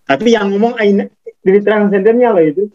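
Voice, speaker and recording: A man's voice: sits high, brisk, a little mellow, highs cut off. A man with a Javanese accent giving a casual spiritual talk, chuckling often and acting out a scolding inner voice. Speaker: spiritual teacher.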